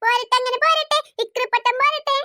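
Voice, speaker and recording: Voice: steady tone, fast, sharp tone, exaggerated voice. A voice artist voicing chattering, playful cartoon kids. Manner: squeaky, chattering.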